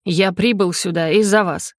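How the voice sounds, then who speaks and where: A woman reading the part of a cold, detached male magic teacher who speaks in flat, curt, unhurried lines. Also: medium pitch, no echo, studio quality, lightly acted.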